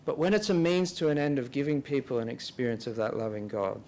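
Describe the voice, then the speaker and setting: A man speaking at a church briefing day, giving a slow, calm reflective talk that leads listeners through a guided prayer with pauses. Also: medium pitch, a little hiss or hum. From Australia.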